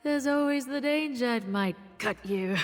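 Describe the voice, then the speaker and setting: A woman's voice: a little high, close to an everyday voice. An actress playing a tipsy, flirtatious, boastful female elf circus performer in a video game, with a teasing, playful manner. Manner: teasing, slow, languid, playful. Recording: slight hall reverb with game music.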